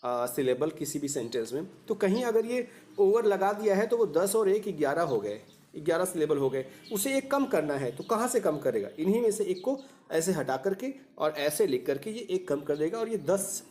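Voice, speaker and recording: A man's voice: high-pitched, very animated, moderate pace, darkish tone. A man teaching an exam-prep lesson, explaining step by step and often checking in with rhetorical questions.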